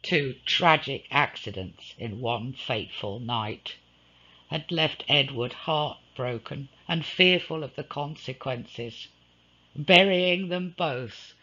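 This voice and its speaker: A man reading a ghost story aloud in a slow, dramatic storytelling manner. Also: a little high, bright, forceful tone, highs cut off. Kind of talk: scripted ghost-story narration.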